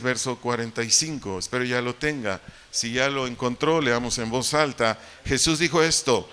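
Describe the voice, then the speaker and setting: Bright-voiced Mexican pastor preaching. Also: male voice, medium pitch. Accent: Mexican Spanish. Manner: emphatic preaching, rhetorical questions to the congregation. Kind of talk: sermon. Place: church hall.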